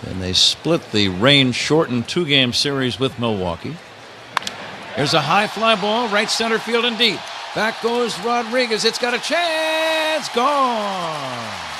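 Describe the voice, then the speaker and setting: An American play-by-play man works a live radio baseball broadcast from a ballpark booth, his high voice very animated yet slow in pace. Clear outdoor stadium noise fills the noisy live recording.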